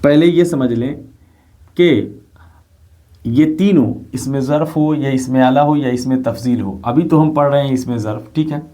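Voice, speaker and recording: Male teacher, middle-aged, warm low-toned delivery; patient lecture style, repeats key terms, frequent rhetorical check questions. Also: normal speed. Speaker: Arabic grammar teacher. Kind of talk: classroom lecture explaining grammar.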